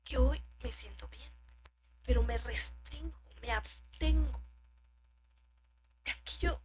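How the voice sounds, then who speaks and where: A woman preaching a sermon, asking rhetorical questions and swinging from loud emphasis to hushed whispers. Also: high-pitched, slow, a little hiss or hum.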